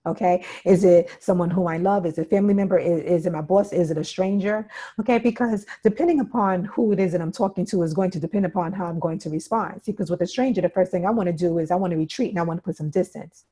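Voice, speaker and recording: A woman's voice: lowish voice, fast talker, dark tone. A woman instructor giving an interactive workshop talk, emphatic and repeating key points while often checking in with her listeners. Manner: emphatic, checks in with "okay?" and "right?".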